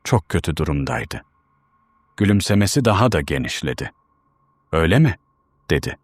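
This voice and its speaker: Brief: male narrator, very low voice, dramatic first-person horror telling, close and dry. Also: sing-song, brisk, husky, no echo. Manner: dramatic, tense storytelling.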